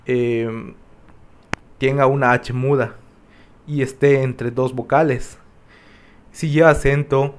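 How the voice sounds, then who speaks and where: A young man giving a class presentation on spelling and accent rules, reading steadily with occasional fillers. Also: mid-range voice. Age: young adult. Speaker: student presenter.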